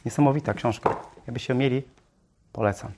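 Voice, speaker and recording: A man's voice: mid-range voice, brisk, a little mellow, a little hiss or hum. A man preaching a sermon, firing rhetorical questions at his congregation. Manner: self-described talker.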